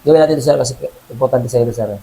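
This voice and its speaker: Mellow-voiced man calmly coaching a client. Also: mid-range voice, rapid-fire, low-quality recording. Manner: calm, reassuring, adds "sir" to nearly every phrase. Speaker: massage therapist treating a client. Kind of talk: casual instruction during a hands-on treatment.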